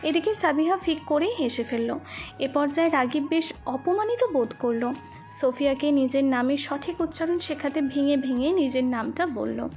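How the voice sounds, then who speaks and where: A woman narrating a romantic story with an expressive, flowing delivery. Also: high-pitched, normal speed, soft background music. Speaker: voice artist, storyteller.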